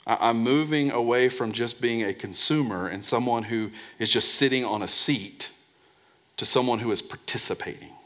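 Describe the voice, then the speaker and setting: Man preaching with soft emphatic drops. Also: normal speed. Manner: emphatic, drops to a soft low voice on key words, repeats words when restarting. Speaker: pastor. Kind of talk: sermon.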